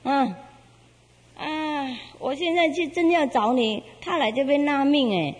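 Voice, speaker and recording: A woman's voice: high voice, unhurried, voice pushed up. A woman doing a startled hunter. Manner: startled, musing aloud. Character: troubled male hunter, torn and anxious. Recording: long hall reverb.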